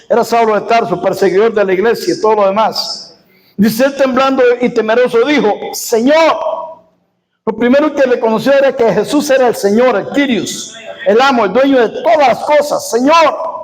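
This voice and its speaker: High-voiced preaching man. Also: rough recording. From Costa Rica. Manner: preaching with rising shouted passages, repeating key phrases. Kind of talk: sermon.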